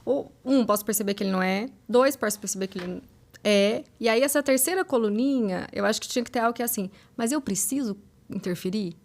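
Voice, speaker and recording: Brazilian woman, 30s, casual podcast chat, explains with examples, mid pitch. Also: fast talker. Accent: Brazilian Portuguese. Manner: explanatory, many tag questions, acts out parent and child quotes. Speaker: co-host, neuroscience parenting podcast.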